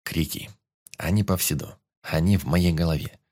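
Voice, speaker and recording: Deep male narrator, dramatic first-person audiobook read, dry close sound. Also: moderate pace, a little mellow, no room sound. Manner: intense, dramatic reading.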